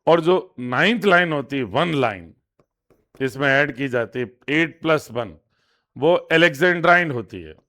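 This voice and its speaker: A man teaching an exam-prep lesson, reading each question out slowly and then explaining it step by step with frequent repetition. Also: fairly high pitch, animated, fairly bright tone. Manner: reads English questions slowly, then translates. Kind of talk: exam lesson in Hindi with English terms.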